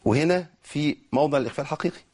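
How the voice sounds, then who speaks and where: Egyptian male recitation teacher, quick and slightly high-pitched, demonstrates words slowly. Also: a little mellow, husky. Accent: Egyptian Arabic. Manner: brisk explaining, slowing to model drawn-out words. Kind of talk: tajweed lesson, explaining and demonstrating.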